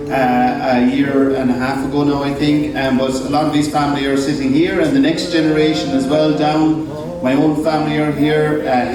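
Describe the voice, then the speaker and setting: A man with an Irish accent acting as master of ceremonies at a live event, speaking informally and haltingly, repeating words. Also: on the high side, distant mic. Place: hotel function room with live audience. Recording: echoey hall from afar, noisy audience.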